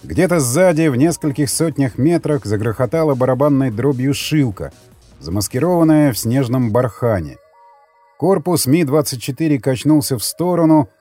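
A man's voice: mid-range voice, dark tone, no echo. A man narrating a war audiobook in a dramatic reading style.

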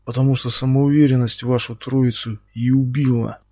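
A man voicing a menacing male captor who speaks slowly and quietly, taunting his victim. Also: medium pitch, flat delivery, slightly rough, no room sound, clean studio sound. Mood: quiet menace. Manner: slow, quiet, taunting, bursts into shouting.

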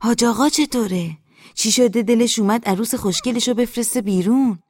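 A woman playing a talkative older librarian who fusses over a visitor without pause. the voice is close and dry, with a lilt a touch above the narration. a storybook figure, homely and busy. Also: on the high side, darkish tone, dry recording, close to an everyday voice. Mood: fussing. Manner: talks nonstop, fussing.

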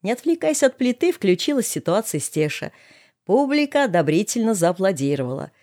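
A woman reading a comic story aloud as narrator, lively and expressive. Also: medium pitch, moderate pace. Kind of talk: audiobook narration.

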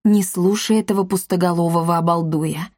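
Lady doing a bossy scheming tomcat boss, low and slow, dry close sound. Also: steady tone, a little mellow, dry recording, natural voice. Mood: barking. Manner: commanding, growling threats. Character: gruff male talking-cat gang leader.

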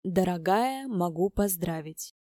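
A woman voicing a brisk, sarcastic young woman who bosses her friends around. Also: mid-range voice, dark tone, no echo, studio quality, lightly acted. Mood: bossy. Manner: sarcastic, bossy.

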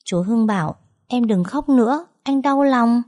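A woman's voice: a little high, expressive, measured pace, a little mellow, voice pushed up. A woman voicing a cheerful little boy who talks with a babyish lisp. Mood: sweet, chirpy. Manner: babyish, lisping.

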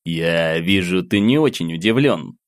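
Dude voicing a blunt young student buddy, short curt answers, low voice, audiobook. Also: male voice, lively intonation, measured pace, no room sound, studio quality. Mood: terse. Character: young male student friend, blunt and terse.

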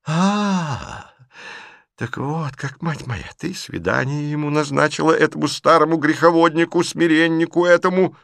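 A man voicing a sharp-tongued, blunt elderly aunt who scolds her niece in an audiobook reading. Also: a little high, measured pace, creaky, dry recording, pitched above the performer's own voice. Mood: indignant.

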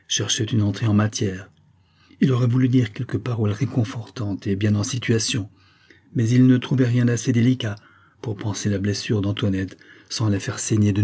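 A man reading a romantic novel aloud at a measured, even pace. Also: lowish voice, husky. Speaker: audiobook reader.

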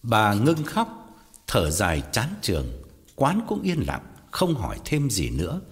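Man narrating an audiobook with a lively pitch. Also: unhurried. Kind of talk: scripted story narration. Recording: long reverb with background music.

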